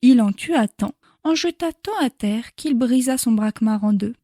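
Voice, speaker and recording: A woman reading a classic novel chapter as an audiobook narrator in a measured, clear way. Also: on the high side, lively intonation, mellow, no echo, studio quality.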